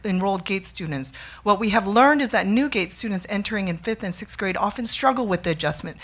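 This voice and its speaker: A woman's voice: mid-range voice, fairly bright tone. A mother reading a formal, firm prepared statement to a school board at a podium microphone, imploring them to act. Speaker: parent giving public comment. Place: school board meeting room.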